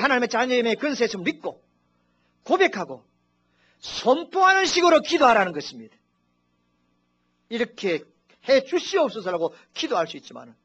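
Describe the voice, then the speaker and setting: A male pastor preaching a sermon, acting out prayers and quotes in an animated preaching style. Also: high voice, slightly rough, highs cut off.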